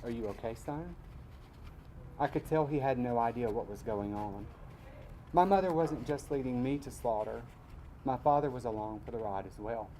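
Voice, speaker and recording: A man from Mississippi, reading his personal essay aloud at a live event in a measured, wry way. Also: mid-range voice, mellow, a little hiss or hum, low-quality recording. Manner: measured storytelling, wry asides.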